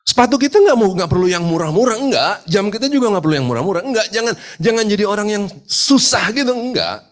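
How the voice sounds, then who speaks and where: A man's voice: high voice, big pitch swings, fast. A man preaching a sermon at a live church service, his voice nasal from a cold, with an emphatic delivery. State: stuffy nose from a cold. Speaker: pastor.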